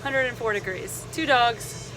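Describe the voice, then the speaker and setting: Sarcastic, lilting woman vlogger, high voice. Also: measured pace. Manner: sarcastic lilt, playful mock enthusiasm. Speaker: travel vlogger. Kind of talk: casual vlog storytelling. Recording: noisy vehicle ambience behind voice.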